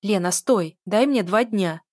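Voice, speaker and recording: A woman's voice: mid-range voice, unhurried, darkish tone, dry recording, close to an everyday voice. A woman voicing a brash, cynical young woman who schemes for a better life, in a storybook reading. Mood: pleading. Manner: cynical, pushy.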